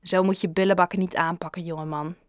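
A woman's voice: lowish voice, fast, clear, resonant tone, no room sound, studio quality, close to an everyday voice. Woman voicing a kindly grown-up shopkeeper. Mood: wise. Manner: gentle, coaxing, sometimes lively. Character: kindly grown-up male shopkeeper, gentle and caring. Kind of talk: audiobook character reading.

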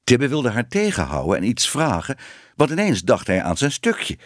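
A man's voice: medium pitch, huge pitch swings, normal speed, no room sound, clean studio sound. A man reading a children's story aloud as narrator, voicing the characters expressively.

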